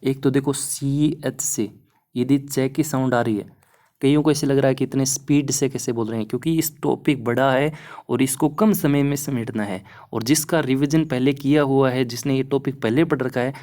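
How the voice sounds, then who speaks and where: A man's voice: medium pitch, steady tone, normal speed, a little mellow. Hindi-speaking man teaching exam phonetics. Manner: encouraging, repeats "है ना" often. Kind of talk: explaining lesson over slides.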